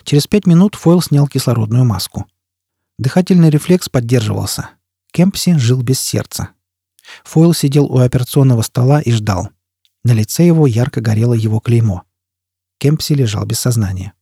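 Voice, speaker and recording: A man reading an audiobook in a steady, measured way, his voice husky and mellow rather than bright. He is recorded close on a studio mic with a completely dry sound. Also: mid-range voice, dry recording. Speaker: audiobook narrator. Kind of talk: scripted narration.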